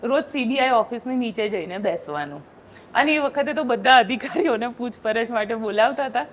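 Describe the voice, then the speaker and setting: High-voiced woman telling reporting stories. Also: normal speed. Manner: animated storyteller, acts out quotes. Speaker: journalist. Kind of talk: casual panel storytelling.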